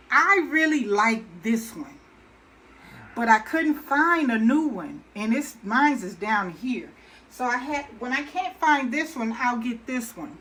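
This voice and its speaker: A woman's voice: fairly high pitch, fairly bright tone, a little hiss or hum, poor audio. A woman hosting a casual cooking demonstration, chatting to viewers in a homey way with lots of ums and restarts as she stirs a pot. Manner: talks to viewers while stirring and adding ingredients. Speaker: cooking channel host. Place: kitchen. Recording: kitchen clatter of pots and water.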